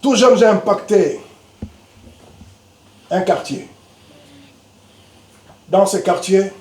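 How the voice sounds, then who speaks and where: A man in his fifties, a native Lingala speaker with a somewhat high voice, preaches a Pentecostal sermon, switching between quiet asides and loud exhortation. The recording is echoey, made in a church hall with faint noise.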